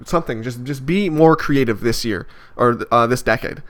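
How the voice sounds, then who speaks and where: A man in his 20s muses aloud in a vlog, hesitant and rambling, with many fillers and restarts in his reflective, casual monologue. His voice is medium-pitched and he speaks at a normal speed.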